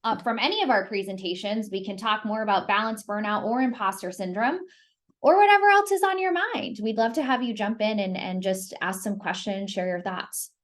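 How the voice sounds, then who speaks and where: A woman's voice: mid-range voice, a little fast. A woman presenting on an online group call, giving informal motivational advice and repeating phrases for emphasis. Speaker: presenter leading the discussion.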